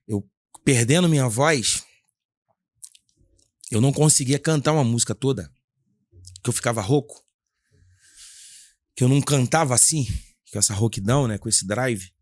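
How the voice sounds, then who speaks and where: This mid-range male voice carries a Brazilian Portuguese accent and a husky, gravelly singing timbre. A gospel singer and worship leader, he tells his story in a casual podcast interview, earnest and halting, with many restarts. The recording is dry and studio quality.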